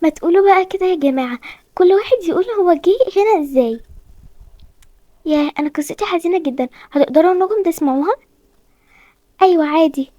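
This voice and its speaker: A woman's voice: very high voice, fast talker, pauses often, mellow, no echo, lo-fi sound. A woman with an Egyptian accent voicing a chatty back-and-forth toy-game story, switching between the girls. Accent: Egyptian Arabic.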